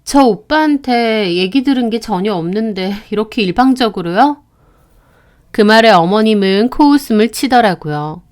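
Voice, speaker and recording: A woman's voice: a little high, animated, moderate pace, a little mellow. A woman narrating a first-person family story in a firm, composed manner. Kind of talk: first-person story reading with acted dialogue.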